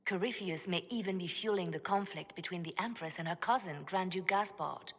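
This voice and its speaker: An actress voices a composed, secretive spymaster advisor in a video game, measured and serious in delivery. Her voice sits on the low side, a bit bright and husky, and a long hall reverb surrounds it.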